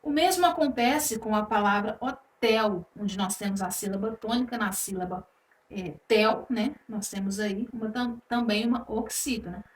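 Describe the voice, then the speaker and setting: A woman's voice: medium pitch, moderate pace. A woman teaching a grammar lesson online, explaining patiently and checking in with "ok?" after each point. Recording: echoey room, voice a bit far from mic, faint noise.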